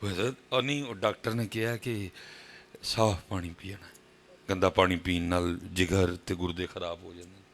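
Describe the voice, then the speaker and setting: A Pakistani man with a Punjabi accent preaching a sermon at a religious gathering, moving from quiet talk to high shouted exhortation. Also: fairly even intonation, normal speed. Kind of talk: impassioned sermon.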